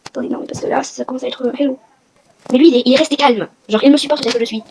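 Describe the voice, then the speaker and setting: A woman talks quickly through a casual game walkthrough, rambling and joking at her own expense. Her voice sits a little high. Steady background noise and clicking run under her. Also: creaky. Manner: chatty, rambling, self-mocking. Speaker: gaming video host. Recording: noisy with clicking sounds.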